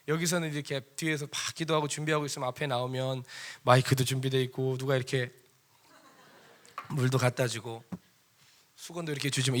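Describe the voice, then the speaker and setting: A middle-aged man delivers a church sermon in a bright, forceful voice that sits a little high for a man. He tells his story with lively drama and acts out the people he quotes. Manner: animated storytelling, acting out quoted arguments. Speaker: pastor.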